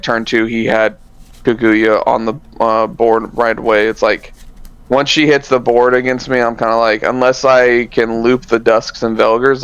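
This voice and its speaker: Smooth-voiced man in relaxed podcast chat. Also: mid-range voice, dry recording, highs cut off. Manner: relaxed, rambling, many fillers and self-corrections. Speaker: podcast co-host. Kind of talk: casual chat recapping card tournaments.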